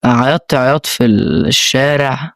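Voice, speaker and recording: A man's voice: medium pitch, moderate pace, fairly bright tone, no room sound, studio quality. A young man with an Egyptian accent, telling an emotional personal story as a vlogger, rambling with many restarts. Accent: Egyptian Arabic.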